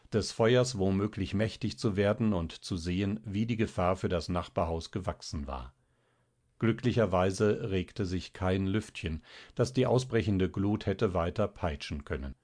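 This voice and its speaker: A man narrating a classic novel as an audiobook in a steady, even reading. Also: fairly low pitch. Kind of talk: scripted literary narration.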